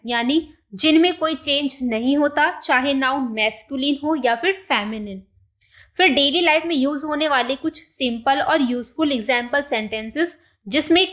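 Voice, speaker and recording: A female teacher runs a beginner language lesson, pronouncing every new word slowly and repeating it so learners can echo her. Her voice is high-pitched and a bit bright.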